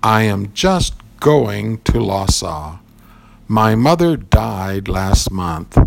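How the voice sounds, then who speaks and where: A man's voice: fairly low pitch, very animated, drawn-out words, vocal fry, full character voice. A man voicing a young, timid orphan mouse who speaks nervously in a storybook reading. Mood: scared. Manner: nervous, pleading.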